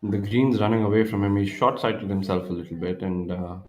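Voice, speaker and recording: A man working as a golf commentator, calling tournament play live in a measured manner with pauses. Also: fairly low pitch, a little mellow. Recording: roomy, echoing sound.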